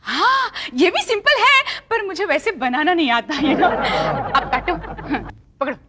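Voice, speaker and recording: A woman's voice: extremely high pitch, very animated, takes it slowly, sharp tone, full character voice. An actress playing a bossy, chatty woman head clerk in a sitcom who giggles her way through office gossip. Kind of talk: sitcom acting.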